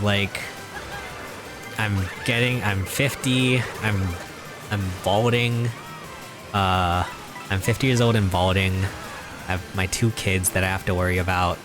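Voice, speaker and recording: A young man in his 20s with a somewhat low voice chats casually on a live stream as he plays, speaking slowly with long pauses. He rambles through mock-serious jokes and chuckles, with game music clearly audible behind him.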